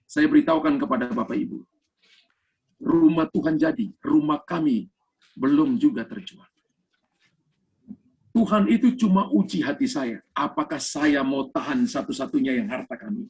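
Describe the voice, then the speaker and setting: A male pastor delivers an emphatic sermon, telling personal stories and dropping in English phrases. His voice sits a little higher than most men's, and he talks as if over a video call. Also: animated, moderate pace, long pauses, a little mellow. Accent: Indonesian.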